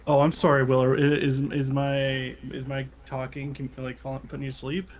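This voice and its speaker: A man's voice: mid-range voice, monotone, normal speed. A man playing a tank role in a game raid, chatting casually and poking fun at himself, with a rambling, restarting way of talking. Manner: self-deprecating, rambling, with restarts. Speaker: tank player. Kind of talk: casual game chat over voice.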